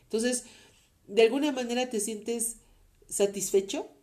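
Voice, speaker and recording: Earnest Mexican mother, mellow voice. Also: on the high side, unhurried. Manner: earnest, faith-filled, rambling with many fillers. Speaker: interview guest, mother of the host. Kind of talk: casual heartfelt conversation.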